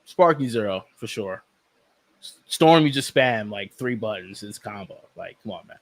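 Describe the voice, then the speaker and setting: A man's voice: on the low side, animated, moderate pace. A man debating casually in an informal, slangy way.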